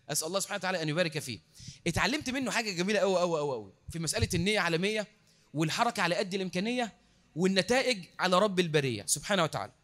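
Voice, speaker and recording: A man with an Egyptian accent preaching a lecture in a mosque, lively, repeating words for emphasis and asking his listeners questions. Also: sits high. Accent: Egyptian Arabic.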